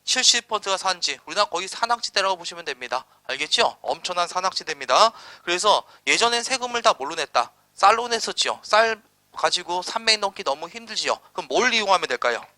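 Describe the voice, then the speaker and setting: Male lecturer, slightly high and very bright, dry close-miked sound; blunt, slangy, quizzing style. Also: lively intonation, no echo. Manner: quizzing students with rapid rhetorical questions, blunt slangy asides. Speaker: history lecturer. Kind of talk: exam-prep lecture.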